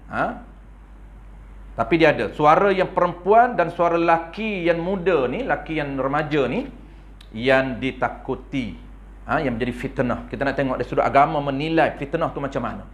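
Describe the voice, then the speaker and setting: A man with a Malaysian Malay accent teaches a congregation in a prayer hall. His voice sits somewhat high for a man, and he speaks in an animated, playful way. He keeps checking in with his listeners with a quick "ha?" and acts out little everyday scenes. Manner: animated, punctuates points with a questioning "ha?". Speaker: religious teacher. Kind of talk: religious lecture to a congregation.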